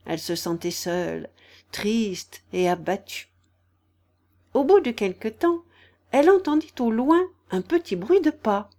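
A woman narrating a children's storybook slowly and expressively. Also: fairly high pitch. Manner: slow, expressive. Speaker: audiobook narrator. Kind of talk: storybook reading.

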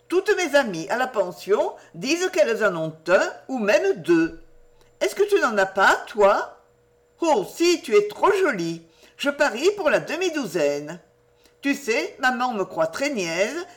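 A woman voicing a giddy, mischievous teenage girl who chatters excitedly in a raised, lively voice. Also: a little high, voice pushed up.

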